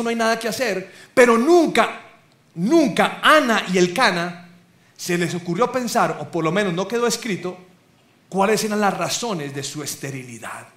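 A man preaching a sermon, humorous and animated, often asking the congregation questions. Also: high voice, roomy sound. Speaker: pastor.

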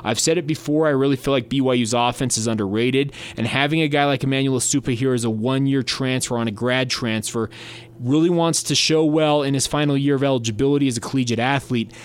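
A man's voice: medium pitch, fast talker, smooth. A young man hosting a solo sports podcast, chatty and easygoing, often restarting his sentences.

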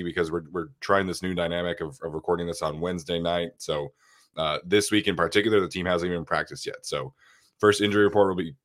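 Young guy hosting a sports pod, real low voice, nasal and stuffy from a cold, rambly. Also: fairly bright tone. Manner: loose and rambling, with many uhs and restarts. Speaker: podcast host. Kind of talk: casual sports podcast talk.

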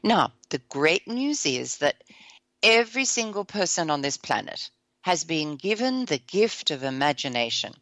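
An enthusiastic woman hosts a self-help show, her slightly croaky voice set a little low. She talks slowly with a lively, swooping pitch. The sound is dry and close. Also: no room sound. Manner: enthusiastic, bursts into whoops and laughs. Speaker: host.

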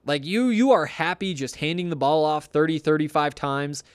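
Clear-voiced American man, halting podcast chat. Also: on the high side, no room sound. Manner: conversational, halting, thinking aloud. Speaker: sports podcast host reading sponsor spots. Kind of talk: casual talk with semi-improvised ad reads.

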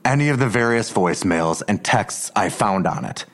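In an audio drama, a threatening police detective questions someone in a low, slightly bright voice with lively intonation. He stays controlled and unhurried, coolly taunting, probing and insinuating.

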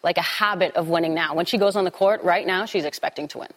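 Lowish-voiced North American woman, sports panelist. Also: fast talker, fairly bright tone, rough recording. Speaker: tennis analyst. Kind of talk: conversational panel analysis.

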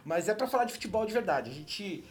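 Brazilian male football pundit, very quick talker, teasing, casual. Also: sits high, expressive. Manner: teasing, bantering. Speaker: guest football commentator. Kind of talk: casual chat.

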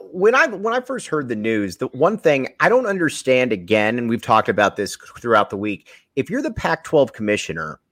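A man's voice: medium pitch, no room sound, studio quality. A man hosting a sports podcast in a casual, conversational style.

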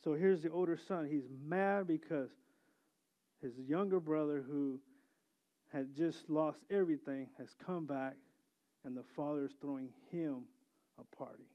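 A man's voice: fairly high pitch, measured pace. Conversational male preacher, muffled sound. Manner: conversational preaching with frequent restarts and tag questions. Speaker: pastor. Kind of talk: sermon.

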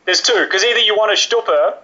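A man co-hosting a podcast, animated and a little pompous as he holds forth in casual banter. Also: high voice, fast talker. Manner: animated, pompous about coffee. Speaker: podcast co-host. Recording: dull lo-fi podcast audio.

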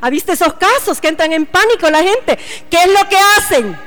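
A middle-aged woman, preaching a conversational sermon to a women's Bible study and acting out scenes with lively questions to the listeners. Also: extremely high pitch, a little fast. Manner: animated, asks the listeners questions and acts out scenes.

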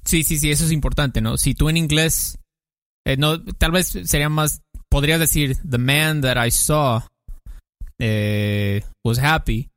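A man co-hosting a podcast, playfully explaining Spanish grammar in casual chat, with quick examples. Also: on the high side, a bit bright, no echo, clean studio sound. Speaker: podcast co-host teaching Spanish. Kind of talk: casual language lesson chat.

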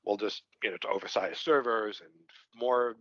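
In a casual interview, a Brooklyn-accented co-founder from Brooklyn, New York, rambles about his work, restarting often and using plenty of fillers. His lowish, somewhat bright voice stays fairly even at a moderate pace, and the audio sounds dull.

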